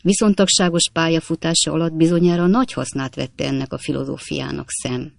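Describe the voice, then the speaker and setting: Reader doing a kind naive old gent, gentle and curious, gravelly, dry close mic. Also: medium pitch, fairly even intonation, no room sound, lightly acted. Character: kindly, innocent older gentleman. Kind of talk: audiobook narration.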